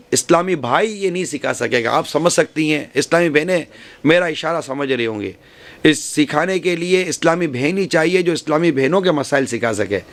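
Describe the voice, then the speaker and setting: A man preaching to a women's gathering, giving earnest advice and often repeating and rephrasing his points. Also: fairly high pitch. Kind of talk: religious speech.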